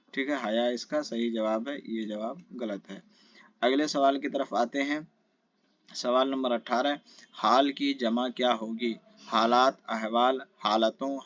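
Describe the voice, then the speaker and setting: A man at a mid pitch teaching an exam-prep grammar lesson. He asks each question aloud and answers it himself, checking back often with his listeners. The recording is close and dry with a slightly muffled tone. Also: no echo.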